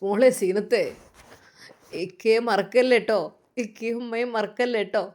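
A woman voicing a tender, earnest young husband with a Malabar Malayalam accent, gently urging. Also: fairly high pitch, steady tone, normal speed, lightly acted.

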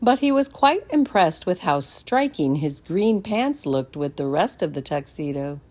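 Slow, expressive woman reading to kids. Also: lowish voice. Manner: expressive, asks listeners questions. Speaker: storytime reader. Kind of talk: children's read-aloud narration.

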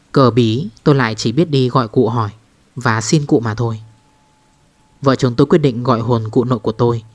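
A man narrating a first-person ghost story in a calm, measured way. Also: mid-range voice.

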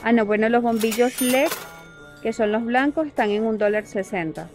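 A woman's voice: on the high side, normal speed, over music. A woman with a Venezuelan accent, chatting casually as a vlogger while she reads out prices walking through a large indoor hardware store. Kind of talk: casual vlog tour.

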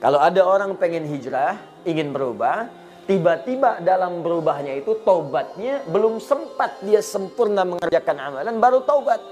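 Middle-aged male preacher, lively storytelling sermon, raised pitch, faint music underneath. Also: moderate pace. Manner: storytelling with acted dialogue and Quran recitation; lively, swings between loud emphasis and soft asides. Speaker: Islamic preacher.

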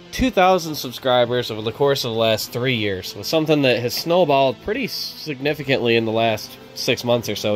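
A relaxed man in his thirties talks through his car channel's milestone in a loose, self-deprecating way, with plenty of fillers. His voice sits at an ordinary middle pitch. Quiet music plays faintly underneath. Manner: laid-back, self-deprecating, rambling with fillers. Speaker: channel host. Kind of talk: casual vlog narration.

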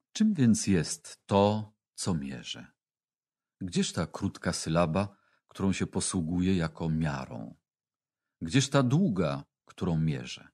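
A man reading a classic religious text aloud as an audiobook, in a slow, measured way with long pauses. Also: low voice, a little mellow. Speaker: audiobook reader.

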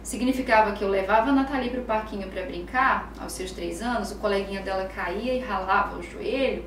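A woman with a Brazilian Portuguese accent, a psychologist who is a guest on a podcast and tells stories lively, acting out her children's voices. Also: mid-range voice, fairly quick, distant mic, a little hiss or hum. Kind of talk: podcast interview, explaining. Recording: roomy, off-mic, faint ambience.

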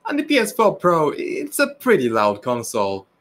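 A man's voice: fairly high pitch, huge pitch swings, moderate pace, fairly bright tone. A young adult British man giving a casual, off-the-cuff product demonstration with dry joking asides. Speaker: tech tester. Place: small carpeted bedroom at a computer desk. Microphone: desktop microphone, laptop mic or phone, varying.

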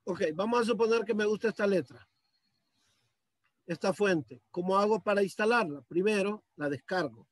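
A man's voice: sits high, moderate pace, no echo. A male teacher walking students through a computer task step by step, patiently, on a video call. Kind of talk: screen-share computer lesson. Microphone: computer mic on a video call.

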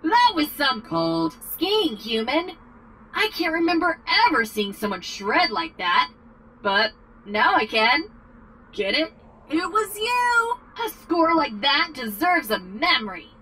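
Chirpy cheerful robot guide. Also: female voice, high-pitched, very animated, slow, sharp tone, slight background noise, heavily acted, low-quality recording. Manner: bubbly, upbeat, calls player "human".

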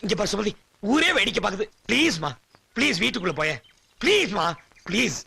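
An actor playing a harried husband caught between two wives, pleading with them in a flustered way. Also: male voice, very high voice, big pitch swings, brisk, vocal fry, heavily acted. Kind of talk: Tamil film drama. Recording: film soundtrack with loud music.

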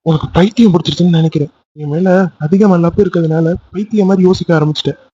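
A man's voice: fairly high pitch, rapid-fire, warm tone, husky, lo-fi sound. A man voicing a young man in a cartoon love story, pleading insistently with his angry girlfriend. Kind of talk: cartoon voice acting.

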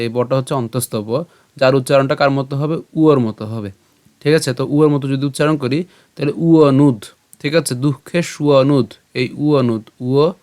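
Patient man teaching verse pronunciation. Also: medium pitch. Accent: Bengali. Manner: slows to chant verse lines, then explains briskly. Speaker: Sanskrit recitation teacher. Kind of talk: step-by-step pronunciation lesson.

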